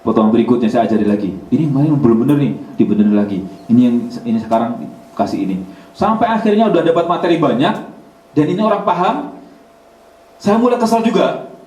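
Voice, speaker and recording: A man giving a religious study talk, an animated storyteller who acts out dialogue and jumps high in pitch when quoting others. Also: fast. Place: community hall in Germany. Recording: echoey room, speaker far from mic, faint hiss.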